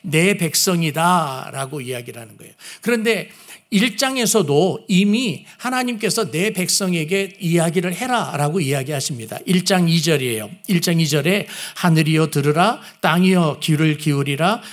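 A man's voice: fairly high pitch, animated, normal speed. A man preaching a sermon who asks his listeners questions and acts out the lines he quotes. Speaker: pastor.

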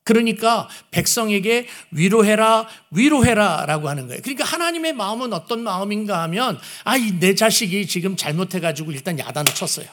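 Male pastor, sermon, rhetorical questions, acted-out quotes, higher-pitched voice. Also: animated, a little fast, few pauses, fairly bright tone.

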